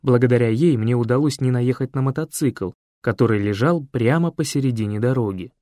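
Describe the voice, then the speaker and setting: A man reads a funny first-person tale with lively comic timing, his mid-pitched voice sitting close and dry with no room echo. The telling is brisk and narrative, built for the punchlines. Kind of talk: humorous story narration.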